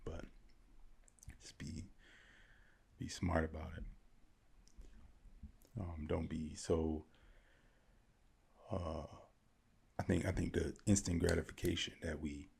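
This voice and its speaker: Male host, very low gravelly voice, loose unscripted commentary. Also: a little mellow. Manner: thinks aloud, rambling with restarts. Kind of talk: casual commentary on reader posts.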